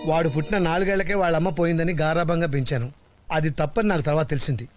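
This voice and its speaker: A man's voice: on the high side, steady tone, rapid-fire, soft background music, lightly acted. An actor voicing a middle-aged village father reading his letter in voice-over, plain-spoken. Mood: wry.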